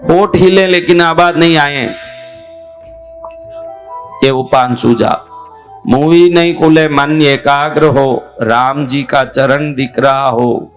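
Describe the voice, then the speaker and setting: A man giving slow spiritual instruction, repeating key phrases and asking his listeners rhetorical questions. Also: on the high side. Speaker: spiritual teacher. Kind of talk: spoken religious instruction. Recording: faint music behind.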